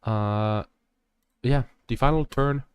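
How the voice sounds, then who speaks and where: A man's voice: medium pitch, takes it slowly, clean tone. A young man streaming a strategy game, rambling and jokey in casual commentary, full of fillers.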